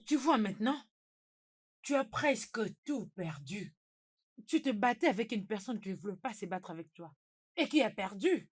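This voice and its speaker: A woman's voice: mid-range voice, lively intonation, moderate pace, slightly rough. A woman dubbing a stern character in a French-dubbed film, reproaching someone and telling her she has lost nearly everything.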